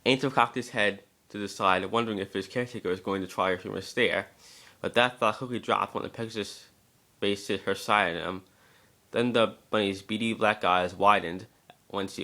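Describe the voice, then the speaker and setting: Steady in tone and moderate in pace, a man with a somewhat low voice narrates a story, his sound pushed and bright. It's an amateur dramatic reading, marked by the odd stumble and repeated word.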